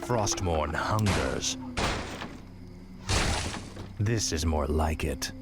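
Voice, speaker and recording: An actor playing an ancient undead death knight king in a fantasy video game, rasping, cold and imperious, speaking with ominous, contemptuous command. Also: very deep voice, drawn-out words, full character voice. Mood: cold menace. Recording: loud game music over the voice. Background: loud music.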